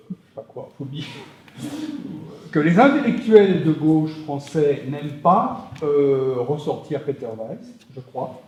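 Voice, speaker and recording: At a public discussion, a man in the audience asks a long, rambling question from the floor, hesitating and using many fillers. His voice is fairly high with a dark tone, and the hall sound is echoey and dull.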